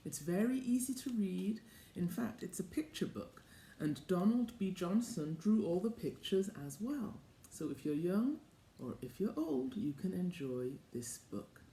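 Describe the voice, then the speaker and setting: A woman presenting a story to children, speaking straight to them in simple questions with deliberate, emphatic phrasing. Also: fairly low pitch, very animated, mellow. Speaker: host of a children's story and lesson show. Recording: roomy echo.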